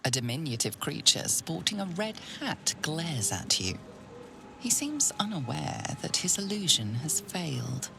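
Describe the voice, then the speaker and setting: A woman acting as a grave, mysterious narrator of a fantasy video game, measured and theatrical. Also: sits low, big pitch swings, creaky, a bit bright, a little hiss or hum, heavily acted. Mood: ominous. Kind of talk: scripted second-person game narration.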